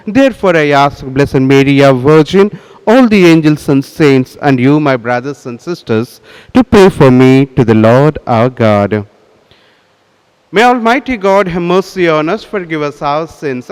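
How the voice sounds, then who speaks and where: Priest at a microphone, cathedral reverb. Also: male voice, on the high side, clear, resonant tone. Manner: solemn, measured liturgical intoning. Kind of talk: presiding at Mass. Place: large cathedral, indoors. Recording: long reverb of a large cathedral.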